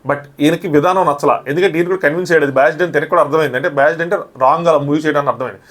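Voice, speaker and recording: A man's voice: fairly high pitch, fairly even intonation, fairly bright tone. A man reviewing a reality show episode in casual, argumentative talk, often acting out what others said. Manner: rapid, argumentative, often acts out quoted lines.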